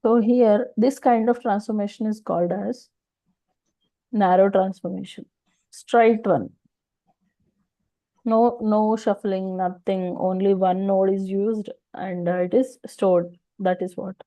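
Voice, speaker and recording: Casting: female instructor, South Indian accent, mid-pitched, explains step by step with rhetorical questions, dry muffled online-class sound. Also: steady tone, takes it slowly, dark tone, no echo. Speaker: data engineering instructor. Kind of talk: informal technical lesson.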